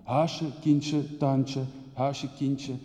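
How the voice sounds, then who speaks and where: A man's voice: mid-range voice, level tone, very slow, mellow. A man giving an intense, rhythmic spoken-word monologue as a theater maker, reeling off long lists of words. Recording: long reverb of a hall.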